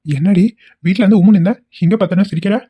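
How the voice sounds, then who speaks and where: A woman voicing a caring young husband in a cartoon, speaking softly and affectionately. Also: mid-range voice, very fast, husky, lightly acted. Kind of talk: cartoon voice acting.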